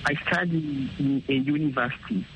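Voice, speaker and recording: Young man speaking halting English. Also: medium pitch, fairly even intonation, muffled recording, a little hiss or hum. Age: 20s. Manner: halting learner's English, short answers. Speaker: university student and caller.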